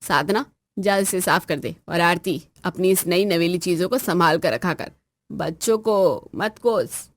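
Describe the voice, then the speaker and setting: A woman voices a sour older mother-in-law in an acted family story, muttering and scolding. Her voice drops low and stays subdued. The recording is close and dry. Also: a little slow, dry recording.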